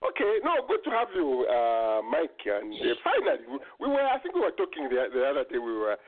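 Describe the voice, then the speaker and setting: A man's voice: medium pitch, wildly swooping pitch, brisk. A man hosting a casual radio call-in chat, often repeating his words as he goes. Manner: stammering repetition of words and phrases. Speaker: radio call-in show host. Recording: tinny phone-like radio sound.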